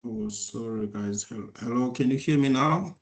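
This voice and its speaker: A man's voice: mid-range voice, moderate pace, vocal fry, a little hiss or hum. A man teaching an accounting class over a video call. He apologises often and restarts his phrases, and his volume keeps rising and dropping as his microphone cuts out. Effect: volume rising and dropping as his mic cuts out. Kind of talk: online class lecture.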